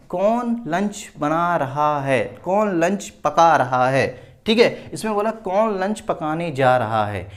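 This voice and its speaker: A male English teacher with an Indian accent, his voice pitched a bit high for a man. He walks through examples patiently, repeating key words and checking in with the class after almost every line. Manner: explains slowly, repeats words, keeps asking "ठीक है?". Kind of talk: classroom grammar lesson at a board.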